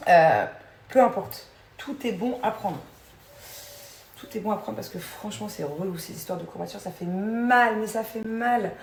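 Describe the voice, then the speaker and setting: A woman's voice: mid-range voice, moderate pace, vocal fry, slight background noise. A woman in her thirties vlogging casually to camera, rambling along with fillers and side comments. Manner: rambling and chatty, lots of fillers and asides.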